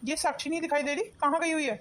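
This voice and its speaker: An insistent father visiting his son, with a rather high, quick voice, played by a woman. This is family melodrama acting. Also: steady tone, fairly bright tone, a little hiss or hum.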